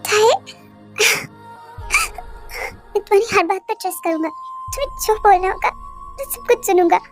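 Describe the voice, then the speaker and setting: A woman's voice: extremely high pitch, brisk, faint music behind. A woman voicing a protective young man who anxiously coaxes and questions in a fan audio drama. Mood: soothing. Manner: urgent, coaxing, anxious questioning.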